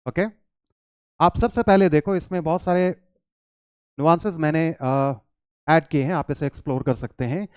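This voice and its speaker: A man's voice: fairly high pitch, clear, resonant tone, no echo, clean studio sound. Man teaching English in Hindi. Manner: explains patiently, asks the class questions and answers them himself. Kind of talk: classroom lesson in Hindi and English.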